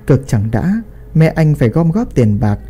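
A man narrating a family story in an expressive storytelling style. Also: a little high, measured pace, husky, faint music behind.

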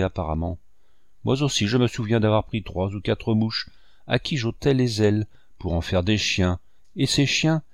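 Storybook role: man playing an aging painter, hurt and indignant, low and gravelly. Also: dry recording, studio quality. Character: old sorrowful male painter, indignant.

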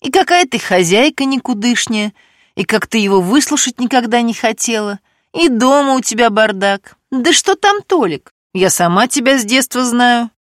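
A woman's voice: fairly high pitch, normal speed, no room sound, studio quality, pitched above the performer's own voice. Woman voicing a brash, pushy woman friend. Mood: defiant. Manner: raised, pushy, lively. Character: brash scheming woman friend, self-satisfied.

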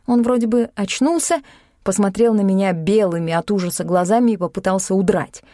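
Female audiobook narrator, sardonic first-person read, mellow dry tone. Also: medium pitch, a little fast, dry recording.

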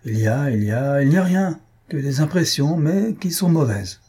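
A man's voice: a little high, animated, moderate pace, mellow, breathy edge, voice pushed up. A man reading aloud and voicing a middle-aged, pompous bourgeois father in a hearty, emphatic way. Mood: worried. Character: pompous bourgeois father, eager to marry off daughter.

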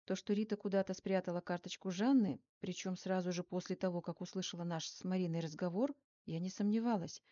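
A woman reading first-person narration for an audiobook, measured and even. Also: lowish voice, muffled recording.

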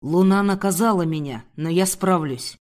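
A woman's voice: darkish tone, close to an everyday voice. A woman voicing a menacing, contemptuous male intruder. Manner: low, slow, contemptuous. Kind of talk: audiobook character voice.

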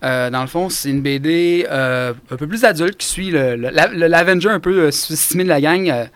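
A man with a Quebec French accent talking casually about comic books, animated, laughing often and full of fillers. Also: a little high, fairly quick, clear, resonant tone, no room sound. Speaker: comic book columnist. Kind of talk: casual radio chat.

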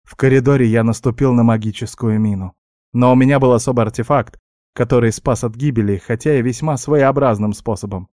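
A man narrating a fantasy audiobook in the first person, steady and grim. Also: medium pitch, fairly quick, dry recording, studio quality.

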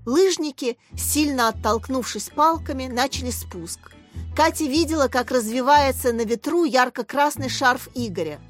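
A woman narrating a story in a steady, expressive scripted reading. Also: high-pitched, moderate pace, soft background music.

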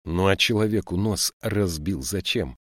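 A man's voice: low-pitched, a little slow, a bit bright, no room sound, clean studio sound. A man voicing a strict, stocky woman police lieutenant in an audiobook, scolding and lecturing young thieves. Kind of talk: audiobook character voice.

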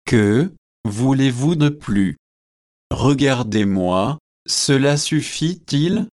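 Witty young student sparring in debate, read by a man, quick-minded but slow-spoken, audiobook. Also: medium pitch, lively intonation, darkish tone, no room sound, studio quality. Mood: pressing. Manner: teasing, quick to argue. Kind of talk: audiobook reading.

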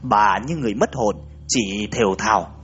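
A man reads a ghost story aloud at a moderate pace, his voice a bit bright, and he raises his pitch urgently for the lines of the frightened women. The recording is dull and lo-fi, with a little hiss or hum.

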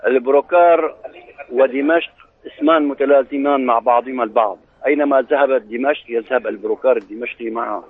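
A man's voice: mid-range voice, fast, breathy edge. A man with a Syrian Arabic accent, a craftsman, answering in a live radio interview over a muffled line. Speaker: brocade craftsman being interviewed.

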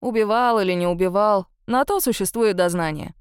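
A woman's voice: medium pitch, a little fast, clean tone, no room sound, studio quality, lightly acted. A woman voicing a senior police officer who speaks formally and indifferently. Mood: detached. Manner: formal, flat, commanding.

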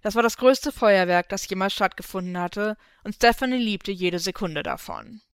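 A woman reading a fan story aloud in steady, even narration, close to the microphone. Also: mid-range voice, moderate pace, clear, resonant tone, no room sound. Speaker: fanfiction reader.

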